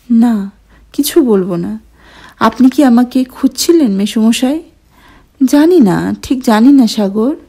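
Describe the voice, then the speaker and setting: A woman with a fairly high voice reads a story aloud. Her narration is expressive and keeps a storyteller's pace.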